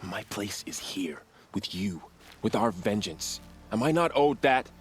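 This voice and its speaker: Varl, a deep-voiced young warrior. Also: male voice, sing-song, unhurried, faint music behind. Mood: earnest pleading. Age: young adult. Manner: earnest, formal, dutiful. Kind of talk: dramatic video game acting.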